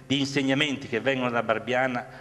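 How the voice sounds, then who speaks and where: An older man gives an unscripted public speech in an earnest, reflective way. His voice is mid-pitched and leans on repeated filler phrases. It echoes through a large hall over a PA. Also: fairly even intonation, fast, fairly bright tone. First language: Italian. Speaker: guest speaker. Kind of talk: public speech, spoken off the cuff. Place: large glass-walled hall, indoors. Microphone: handheld microphone.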